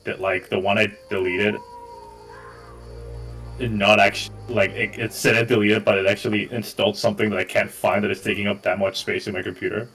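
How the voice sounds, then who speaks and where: Low-voiced man rambling as game master. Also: level tone, fairly quick, a bit bright, soft background music, rough recording. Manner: rambling storyteller, swears casually, many restarts. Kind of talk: casual pre-game chat on a voice call.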